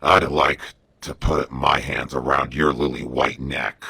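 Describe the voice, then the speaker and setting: A very deep, gruff Batman. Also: steady tone, unhurried, sharp tone, no room sound, exaggerated voice. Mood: grim. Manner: very deep, gruff, menacing growl. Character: grim, stern masked male vigilante hero.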